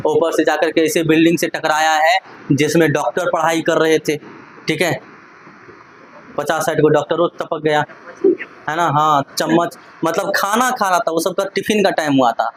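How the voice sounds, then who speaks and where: A man teaching a classroom lesson, repeating questions for the class to answer and scolding them playfully. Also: a little high. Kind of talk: classroom lesson with call-and-response. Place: classroom full of students. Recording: noisy classroom with students.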